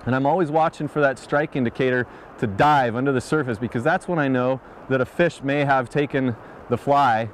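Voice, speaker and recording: A man narrating a fly fishing lesson in a calm, explanatory manner. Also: medium pitch, a little fast, slight background noise. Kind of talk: instructional voice-over narration.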